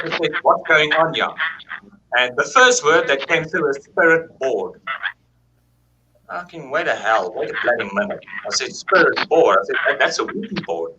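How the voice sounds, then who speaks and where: A man telling a paranormal story in a casual, animated way, acting out quoted dialogue and swearing freely. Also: fairly high pitch, background noise.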